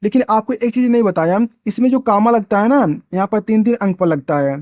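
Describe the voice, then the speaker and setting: A man teaches a maths lesson step by step as if at a board, asking and answering his own questions and repeating himself. His voice is high, a little mellow and a little fast, captured at studio quality with no room sound.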